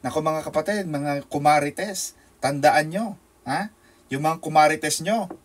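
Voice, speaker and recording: A male pastor with a Filipino accent, preaching a sermon with rhetorical questions and call-and-response, swinging between loud emphasis and soft asides. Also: fairly high pitch, measured pace.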